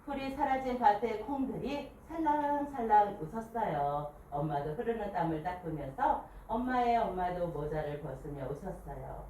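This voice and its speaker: Lively woman reading a picture book aloud. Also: mid-range voice, moderate pace, few pauses. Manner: expressive storytelling, asks listeners questions. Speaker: picture book reader at a book club. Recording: echoey room, distant mic, faint hiss.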